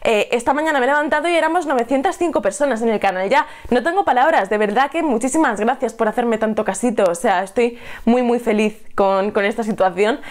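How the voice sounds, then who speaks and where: A woman from leads a singing lesson to camera. Her voice sits a little high, and she explains things in a chatty way, checking in with the viewer as she goes. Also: brisk. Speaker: singing teacher. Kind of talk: tutorial to camera.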